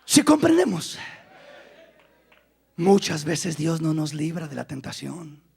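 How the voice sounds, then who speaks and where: A pastor delivering an impassioned sermon, swinging between shouted lines and hushed, low passages. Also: male voice, sing-song, takes it slowly, creaky, husky. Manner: preaching in bursts that swing from shouts to near whispers.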